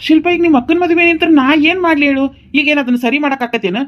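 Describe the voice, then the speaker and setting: A woman's voice: medium pitch, animated, fast, lightly acted. Cartoon role: patient young husband, voiced by a woman, North Karnataka accent, reassuring and chatty. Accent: North Karnataka Kannada. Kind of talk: cartoon voice acting.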